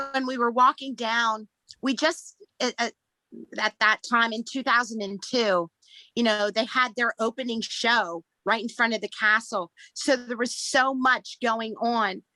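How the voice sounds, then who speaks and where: A middle-aged woman talks slowly and haltingly in an interview, pausing often as she holds back tears. Her voice is bright and forward. The sound is dry and close. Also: fairly high pitch, no echo, rough recording. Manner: slow, halting and tearful, many fillers. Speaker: guest, podcast host's mother. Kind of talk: emotional interview.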